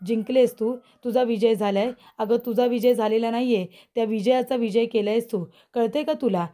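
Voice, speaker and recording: A woman's voice: fairly high pitch, fairly even intonation, moderate pace, warm tone, lightly acted. A woman reading the lines of an angry elder brother from a TV serial recap, lecturing in a scolding manner. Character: angry grown man, stern elder brother.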